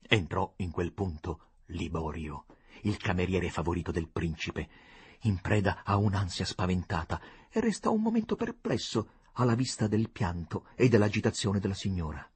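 A man's voice: deep voice, animated, normal speed, husky, dry recording. A man narrating a novel as an audiobook, reading expressively.

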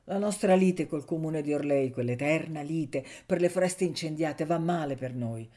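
A proud young rich woman speaks in a brisk, firm way, as a woman reader voices her. Her voice sits low and mellow. The scene is from an audiobook. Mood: worried. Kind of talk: audiobook reading.

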